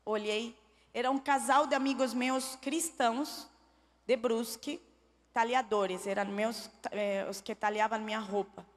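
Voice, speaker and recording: A woman's voice: a little high, steady tone, a little slow. A woman telling her testimony in a church, making earnest, pleading appeals to the listener. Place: church hall. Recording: long church hall reverb.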